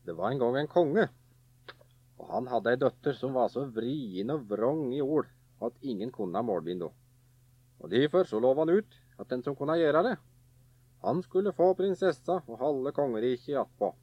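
A man narrating a folk tale in a lively, animated way. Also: mid-range voice, slightly rough, no room sound. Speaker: storyteller. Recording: dull, dry recording.

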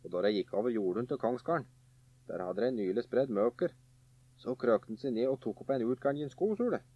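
A man narrating a folk tale in a lively, animated way. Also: mid-range voice, breathy edge, no echo. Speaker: storyteller. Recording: dull, dry recording.

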